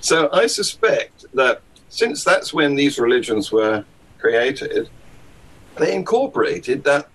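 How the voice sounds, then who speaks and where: A man's voice: medium pitch, big pitch swings, slow pace, fairly bright tone, low-quality recording. A man talking casually as a guest in a discussion, wry and reasoned, often chuckling.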